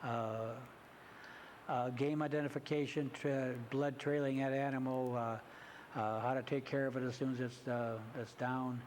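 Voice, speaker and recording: Halting male hunting instructor. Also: medium pitch, level tone, darkish tone, slight background noise. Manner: halting, full of hesitations. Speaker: hunter education instructor. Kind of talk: interview answers. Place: community TV studio.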